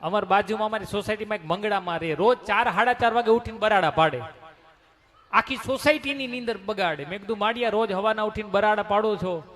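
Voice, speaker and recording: Fast, high-voiced storyteller man. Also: a bit bright. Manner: folksy anecdotal delivery, acting out dialogue. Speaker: stand-up comedian. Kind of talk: comic storytelling.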